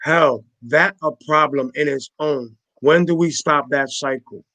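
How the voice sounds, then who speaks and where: A man's voice: on the high side, unhurried, bright, forceful tone, no room sound. A man in his forties hosting a casual panel chat on a video call, emphatic and full of street slang, repeating his points. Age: 40s.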